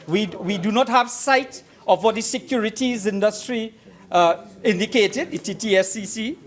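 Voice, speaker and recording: A high-pitched man addresses a formal debate in the parliament chamber as a member of parliament. He stresses his arguments deliberately and emphatically, repeating phrases to give them weight.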